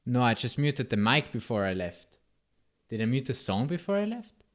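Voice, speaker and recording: Chatty and German-accented, this live coding streamer rambles, interrupts himself and tosses off asides as he answers chat during a casual stream. His mid-range voice is sing-song and runs at normal speed.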